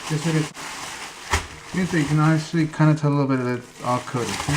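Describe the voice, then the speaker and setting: A man's voice: a little high, quick pace. Chatty man cooking over sizzling kitchen noise. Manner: informal, chatty, step-by-step, addresses viewers directly. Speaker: home cook presenting a recipe. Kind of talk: casual cooking tutorial. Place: indoor kitchen at the stove. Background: frying, sizzling and stirring.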